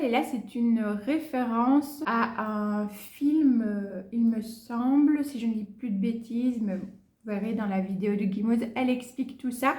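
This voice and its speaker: A woman's voice: fairly high pitch, darkish tone, reverberant. A woman talking casually about her reading plans from home, chatty, with lots of fillers and restarts. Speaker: book vlogger. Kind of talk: casual chat.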